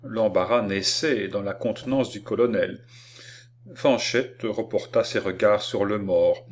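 A man reading an audiobook of a classic novel with measured, expressive narration. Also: fairly low pitch, slight background noise. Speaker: audiobook reader.

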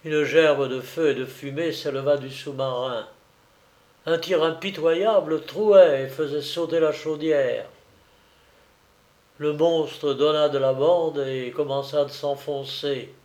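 Slow, measured male audiobook narrator. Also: on the high side, fairly even intonation, darkish tone. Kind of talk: audiobook narration of an adventure novel.

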